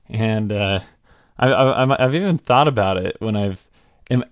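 A man's voice: lowish voice, a little slow, clear, resonant tone, dry recording, muffled recording. A young man hosting a podcast, asking questions in a hesitant way and laughing easily. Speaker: podcast host. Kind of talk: casual interview talk.

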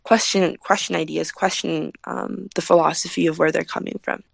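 A woman's voice: sits low, fairly even intonation, moderate pace, vocal fry, breathy edge, no room sound. A young woman from Peru, a podcast guest, speaking thoughtfully and often repeating words as she searches for them. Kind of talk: casual interview talk.

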